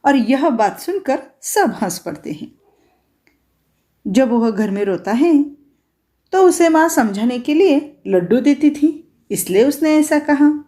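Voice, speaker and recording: A woman's voice: sits high, lively intonation, dark tone. A woman teacher reading a Hindi story aloud and explaining words for a school lesson. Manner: slow, explaining.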